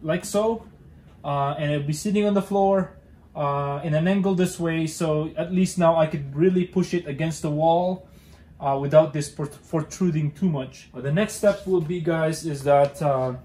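A man's voice: on the high side, moderate pace, mellow, roomy sound. A young man hosting a casual how-to demonstration, talking hesitantly with many fillers and restarts while he works with his hands in a cluttered garage. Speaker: DIY car channel host.

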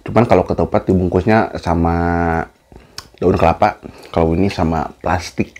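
A man's voice: deep voice, steady tone, normal speed, a little mellow. A man, chatting casually as a mukbang host while eating messily, talking between mouthfuls.

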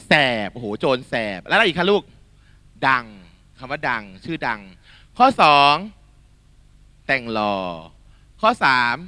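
A man teaching a lively exam-prep lesson to a hall of students, quizzing them and calling them "child" in a coaxing, energetic manner. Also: medium pitch, measured pace, pauses often. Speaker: Thai tutor.

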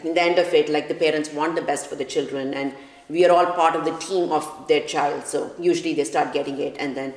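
A woman's voice: low-pitched, rapid-fire. A middle-aged woman with a South Indian accent explaining things conversationally as a pediatrician, often acting out other people's remarks. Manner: animated, acts out parents' and children's remarks. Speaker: pediatrician guest. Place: large indoor living room by a fireplace. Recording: echoey reverberant room.

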